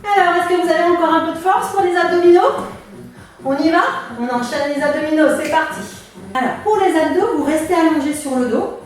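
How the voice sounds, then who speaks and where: High-pitched woman coaching a workout, echoey room. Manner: encouraging, motivating coach cues. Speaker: fitness instructor leading a workout class. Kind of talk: exercise class instruction with counting. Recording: echoey room, distant mic, music behind.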